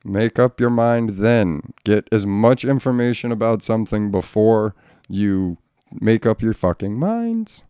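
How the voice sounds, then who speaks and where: Blunt, profane man with a low, smooth voice. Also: animated, measured pace, dark tone, no echo, clean studio sound. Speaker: podcast host; father. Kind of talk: casual solo podcast talk.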